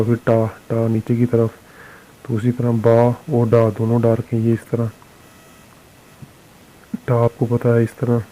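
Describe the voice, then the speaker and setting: Male teacher with an Indian accent, monotone and mellow-toned, slow and repetitive board-lesson delivery. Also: mid-range voice, low-quality recording. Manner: slow, repetitive explanation with frequent fillers. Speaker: shorthand teacher. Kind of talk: recorded lesson explaining on a board.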